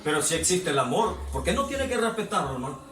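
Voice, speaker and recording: A man preaching a sermon to his congregation, exhorting and asking them questions, his voice rising to shouts. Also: high-pitched, sing-song, quick pace, background noise. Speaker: pastor. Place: church hall. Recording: echoey hall, mic far off.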